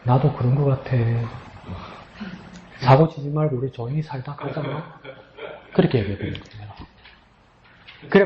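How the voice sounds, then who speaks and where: Preaching to his congregation, a pastor with a medium-pitched voice tells stories with deep emotion, shifting into a pleading tone whenever he speaks as God. The sound is roomy and slightly dull, with a bit of background noise.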